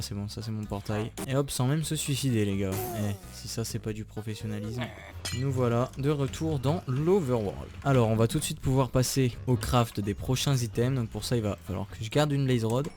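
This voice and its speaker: A young man giving chatty, excitable commentary while playing a video game and talking to his viewers. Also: medium pitch. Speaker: gaming YouTuber. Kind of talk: casual Minecraft let's play commentary. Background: background music.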